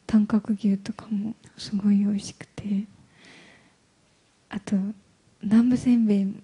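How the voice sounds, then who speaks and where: A young woman from Hyogo, a guest actress speaking softly and hesitantly in a live stage interview. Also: mid-range voice, flat delivery, slightly rough. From Hyogo, Japan. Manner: soft-spoken, hesitant, halting. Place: event hall stage.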